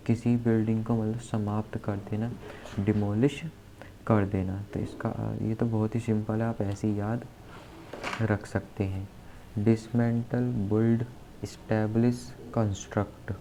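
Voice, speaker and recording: A man's voice: fairly low pitch, warm tone, poor audio. A man teaching exam vocabulary, spelling words out letter by letter and repeating key words as he explains memory tricks. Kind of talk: exam-prep vocabulary lesson. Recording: faint background noise.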